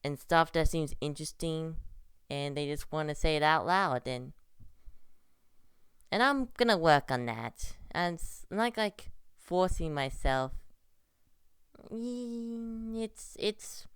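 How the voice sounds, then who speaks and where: A woman's voice: deep voice, lively intonation, slow pace, clear, resonant tone, dry recording, studio quality. A young woman vlogging at home, rambling casually and hesitantly with many restarts. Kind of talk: casual vlog monologue. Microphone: computer recording.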